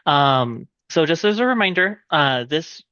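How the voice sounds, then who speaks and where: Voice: medium pitch, animated, a little slow, pushed and bright, smooth, no room sound. Hesitant host with dull, dry audio. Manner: hesitant, with frequent fillers. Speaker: host wrapping up the meeting. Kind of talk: closing remarks on a video call. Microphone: video call.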